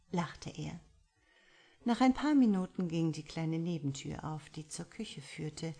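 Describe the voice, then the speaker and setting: A woman reads a story aloud in a calm, even manner, with a somewhat low voice. Her narration is steady and unhurried. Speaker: audiobook narrator. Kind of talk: scripted narration.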